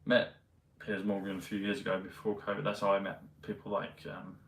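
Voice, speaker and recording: A man vlogging in a meandering, hesitant casual monologue full of pauses and fillers. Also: on the low side, monotone. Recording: roomy, mic at a distance, faint ambience.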